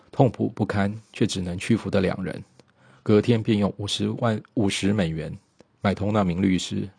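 A man narrating a biographical documentary in a steady storytelling manner, with occasional small slips. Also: sits low, creaky, husky, no room sound.

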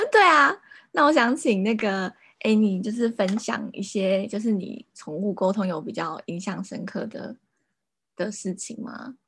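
A woman's voice: mid-range voice, lively intonation, unhurried, gravelly, fairly bright tone, slightly rough. A woman hosting a casual podcast, who laughs often and asks her questions loosely. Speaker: podcast host.

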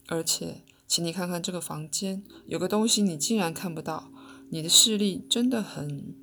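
A mild, teasing spirit teacher needles his pupil with gentle amusement in a storybook. A woman reader lends a low, gravelly tone. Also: normal speed.

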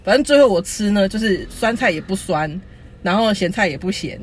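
A podcast co-host with a Taiwanese Mandarin accent, telling stories in animated casual chat and laughing often. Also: medium pitch, fairly quick, slight background noise.

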